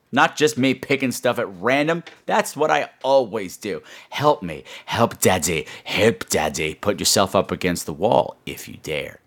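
On his horror podcast, this man talks to his listeners in a medium-pitched voice that's a bit bright. He keeps things campy, playful and emphatic, with plenty of self-mockery.

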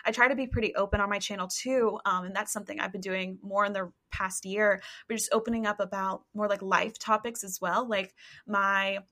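A woman's voice: medium pitch, steady tone, a little fast, pushed and bright. A woman of about twenty from East Tennessee, a college YouTuber talking openly and earnestly as a guest, with frequent fillers. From East Tennessee, USA. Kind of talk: casual interview chat.

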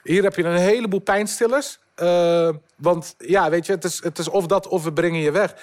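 Casting: young male comedian, high voice, animated storyteller who swears and mixes in English. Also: normal speed. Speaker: podcast guest, comedian. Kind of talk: storytelling anecdote.

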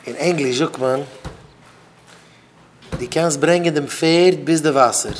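A man, a rabbi, giving an informal sermon to students, repeating phrases for emphasis and swinging between loud bursts and quiet asides. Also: on the high side, unhurried, slight background noise.

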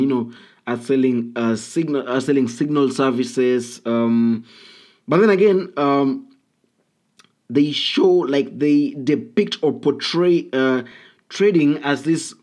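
A man's voice: medium pitch, measured pace, a little mellow. A man hosting a solo podcast, talking casually and bluntly with frequent ums and uhs. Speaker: podcast host.

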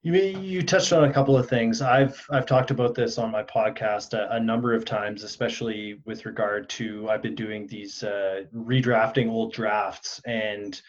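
A man's voice: fairly low pitch, steady tone, normal speed, hardly any pauses, muffled recording. A man hosting a podcast, asking questions in a casual, conversational way with some stumbles. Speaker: podcast host.

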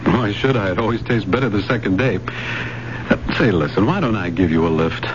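A man's voice: lowish voice, expressive, brisk, natural voice. A man playing a worried husband and homicide detective in a naturalistic radio drama. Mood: worried, suspicious. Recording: noisy lo-fi radio recording.

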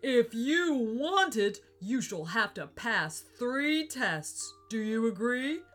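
Woman voicing a booming ghostly Viking. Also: big pitch swings, fairly bright tone, soft background music, heavily acted. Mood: commanding. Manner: slow, grand and booming. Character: tall booming ghostly Viking warrior man. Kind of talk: storybook reading.

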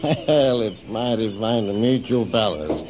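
An actor playing a jovial, salty old fishing skipper with unhurried, bantering talk in an old-time radio adventure. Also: male voice, lowish voice, lively intonation, noisy background. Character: hearty old salty sea captain running fishing parties. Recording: old radio drama with music behind.

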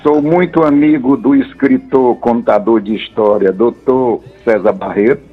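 A man's voice: mid-range voice, normal speed, soft background music. A middle-aged man calls in over the phone, speaking formally and courteously. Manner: formal, courteous and full of praise. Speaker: caller, radio broadcaster. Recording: dull phone-line sound.

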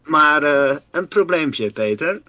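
A man's voice: fairly high pitch, lively intonation, slow, pushed and bright, no echo. A man casually telling a history story to his co-host on a podcast, rambling with many fillers and often calling his co-host by name.

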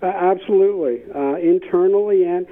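A man being interviewed as a business innovation consultant explains things conversationally at normal speed. His somewhat high voice comes through a tinny, band-limited, phone-like line, and his phrasing halts and doubles back on words.

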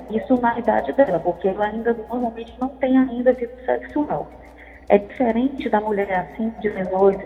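A woman gynecologist giving medical advice over the phone on a call-in radio show, explaining things step by step. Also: mid-range voice. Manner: explanatory, frequent tag questions. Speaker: gynecologist guest. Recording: tinny phone line with reverb.

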